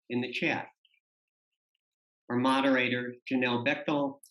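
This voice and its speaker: Man opening a webinar from an echoey room. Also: mid-range voice. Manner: measured, reads from prepared text. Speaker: webinar host, organization president. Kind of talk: formal scripted welcome and introduction. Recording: echoey room, dull lo-fi audio.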